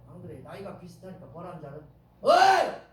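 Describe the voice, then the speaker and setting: A male pastor with a Chungcheong accent preaching a sermon in a church, acting out shouted lines and questioning the congregation. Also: sits high, expressive, normal speed. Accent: Chungcheong Korean. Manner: dramatic, acts out shouted quotes, asks the congregation questions. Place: church sanctuary. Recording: very echoey church from a distant mic.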